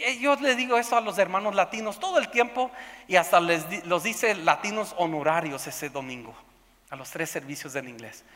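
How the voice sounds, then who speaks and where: Man preaching, lively, bright, echoing hall. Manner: swings between loud emphatic outbursts and hushed low passages; repeats words while searching. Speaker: pastor. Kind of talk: sermon. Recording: long reverb of a large hall.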